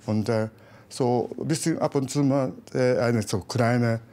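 A shop owner with a Japanese accent and Japanese as his first language, speaking in halting, simple phrases. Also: mid-range voice, fairly even intonation, noisy background.

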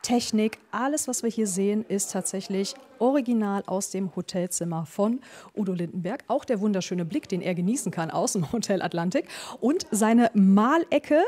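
A woman reporting live from a museum room, her voice warm and mellow. She sounds chatty and enthusiastic, dropping the occasional filler as she shows the viewer around. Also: mid-range voice, lively intonation, normal speed. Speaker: field reporter.

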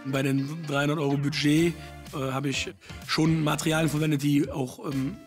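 A man's voice: on the high side, little pitch movement, normal speed, music in the background. A man in his thirties, a master carpenter, speaking casually in an interview, hesitant with lots of fillers. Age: 30s.

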